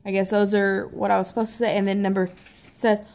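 A young woman from the American South with a Southern accent, chatting casually to camera in a hesitant, low-key way. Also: flat delivery, fast, darkish tone. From Tennessee and Mississippi, United States. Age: young adult. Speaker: amateur vlogger. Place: small living room at home, seated in an armchair.

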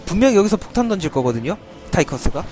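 A man with a high, sing-song voice talks fast while streaming a video game to viewers. His commentary is joking and teasing, broken by panicked, repeated yelps of "no" during fights, and game music plays in the background.

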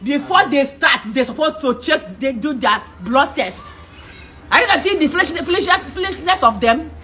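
A woman's voice: sits high, lively intonation, unhurried, bright, forceful tone, full character voice. A woman playing a furious mother who scolds and repeats herself as she forbids her son's marriage. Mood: ranting.

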